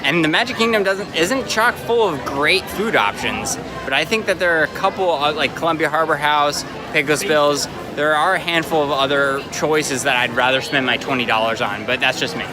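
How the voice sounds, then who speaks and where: A man's voice: fairly high pitch, normal speed, few pauses. A man co-hosting a casual, conversational food review, often restarting his sentences as he gives his opinion. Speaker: co-host of a food review show. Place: outdoors in a busy theme park. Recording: busy outdoor crowd, music behind.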